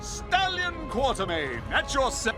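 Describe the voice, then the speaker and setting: A man's voice: extremely high pitch, wildly swooping pitch, unhurried, music in the background, heavily acted. A man playing a boastful old-fashioned explorer hero in a video game, pompous, theatrical and given to exclaiming. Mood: proud, exuberant. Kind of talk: video game character acting.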